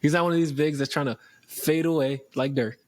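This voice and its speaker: A man's voice: on the high side, fairly even intonation, fairly quick. Easygoing young man talking hoops. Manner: easygoing, laughs often, slangy. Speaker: podcast co-host. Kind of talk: casual sports chat.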